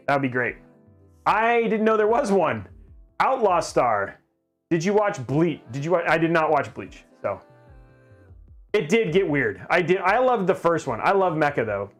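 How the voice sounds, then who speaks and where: A middle-aged man hosting a live stream, chatting casually and rambling, often restarting his sentences as he reads viewer questions. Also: fairly high pitch. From grew up in Japan. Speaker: livestream host.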